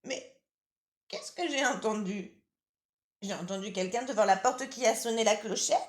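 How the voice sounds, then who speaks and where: A woman's voice: mid-range voice, moderate pace, pitched above the performer's own voice, close to an everyday voice. A woman voicing a tired, frail old grandmother who is kind and chatty, with little laughs, from a storybook. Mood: doting. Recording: roomy echo.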